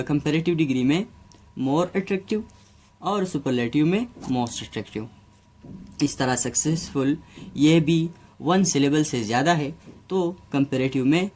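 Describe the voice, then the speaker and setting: A man teaching grammar in a slow, deliberate classroom manner, drawing words out syllable by syllable, with fillers and frequent check-ins, and speaking words. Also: on the high side, darkish tone.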